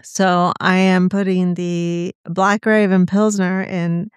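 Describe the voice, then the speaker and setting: A middle-aged woman with the hiccups gives her picks slowly and hesitantly. Her voice is smooth and clear. The sound is dry. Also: lowish voice, flat delivery, no echo. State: has the hiccups. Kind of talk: casual chat.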